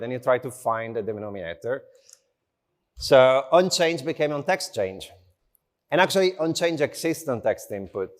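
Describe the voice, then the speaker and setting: A man speaking English as a second language gives a conversational tech talk at a slow, unhurried pace, informal and self-deprecating. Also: mid-range voice. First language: not English. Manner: unhurried, slow delivery with short phrases. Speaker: conference speaker. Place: conference stage in front of an audience.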